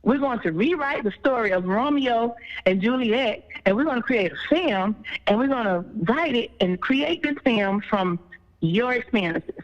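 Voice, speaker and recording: A woman's voice: on the high side, moderate pace. Storytelling woman teacher, echoey sound. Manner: animated, re-enacts her own classroom talk. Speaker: veteran teacher guest. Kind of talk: casual storytelling interview. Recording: dull, echoey hall sound.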